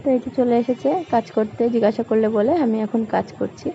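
A woman narrating her vlog in a quick, casual voice-over. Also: on the high side, steady tone, gravelly, dark tone. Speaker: vlogger. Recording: dull, slightly noisy voice-over.

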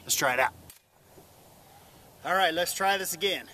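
A man in his forties talks to the camera in an easygoing, plain-spoken vlog style, his voice sitting a little high for a man. The camera mic is close, with a faint wash of background noise behind him. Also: normal speed, pushed and bright. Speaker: channel host. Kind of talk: casual vlog. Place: outdoors in a yard, later an indoor workshop.

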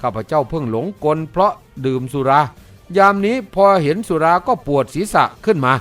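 A man voicing a hot-tempered, hard-drinking male swordsman in an audiobook, loud and blustering. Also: a little high, expressive, moderate pace, faint music behind. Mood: grumbling. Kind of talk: audiobook character voice.

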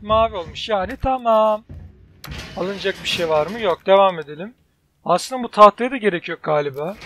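A man with a high-pitched voice talks through a horror game as he plays it, cracking jokes and thinking out loud. He gets excitable and yells at the enemies, then drops back into muttered planning. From Turkey. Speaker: gaming channel host. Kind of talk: let's play commentary.

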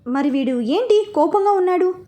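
A woman's voice: extremely high pitch, lively intonation, normal speed, dark tone. A woman voicing an anxious, affectionate middle-aged mother in a read-aloud story.

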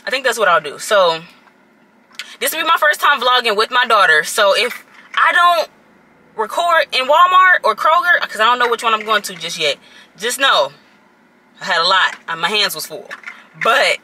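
A woman's voice: a little high, expressive, normal speed, sharp tone. A young woman chatting casually to her viewers while cooking in a home kitchen, calling them y'all again and again. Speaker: vlogger.

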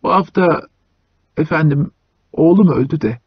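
A man voicing a grieving old sledge driver who speaks meekly in a strained, hoarse voice. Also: on the high side, unhurried, no echo, dull audio, exaggerated voice. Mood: sorrowful. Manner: meek, mumbling.

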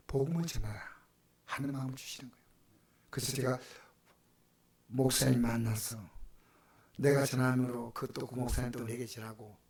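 An older man with a Gyeongsang Korean accent preaching a sermon as pastor, swinging from loud exclamations to hushed whispers. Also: mid-range voice, echoey room. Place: church sanctuary.

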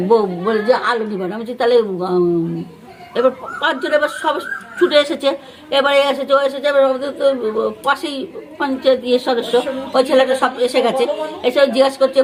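Brief: high-pitched West Bengali woman, neighbour eyewitness, rambling retelling with acted-out quotes. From West Bengal, India. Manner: rambling retelling with many fillers and restarts; acts out others' words in quoted speech. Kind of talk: on-the-spot news interview.

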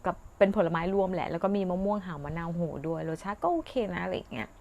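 A woman's voice: on the low side, fast, vocal fry, darkish tone. Chatty woman host telling stories. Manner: chatty, rambling, polite particles, laughs often. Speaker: livestream host. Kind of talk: casual chatty storytelling.

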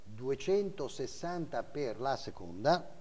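A man's voice: mid-range voice, very animated, takes it slowly, darkish tone, in a large hall. A middle-aged man working as an auctioneer, calling bids and lot numbers live in short clipped phrases, often repeating the figures. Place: auction house room, seated behind a desk, indoors.

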